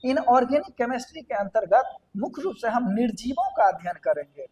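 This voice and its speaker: A woman's voice: a little high, very animated, brisk, a little mellow. A woman teaching a science lesson, explaining step by step, putting questions to the class and answering them herself, and repeating key terms. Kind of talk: classroom lecture.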